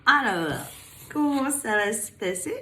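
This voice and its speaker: A woman's voice: a little high, lively intonation, unhurried, sharp tone. Chatty older woman giving a tarot reading. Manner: chatty, playful, laughs often, slips into a put-on accent. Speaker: tarot card reader. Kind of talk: casual tarot reading to camera.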